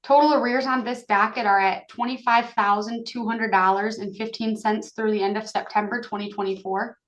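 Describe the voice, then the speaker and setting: A woman giving a formal case report in court as a child support officer, reciting figures in a flat, procedural way. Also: on the high side, moderate pace, rough recording.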